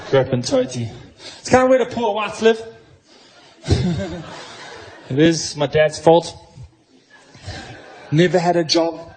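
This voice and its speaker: High-voiced, wry comedian. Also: male voice, darkish tone, rough recording. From South Africa. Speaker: stand-up comedian. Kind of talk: stand-up comedy set. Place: comedy stage before a live audience.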